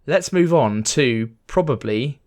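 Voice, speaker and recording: A man co-hosting a gaming podcast in casual chat, excitable and swearing freely as he hypes things up. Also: mid-range voice, slow pace. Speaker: podcast co-host.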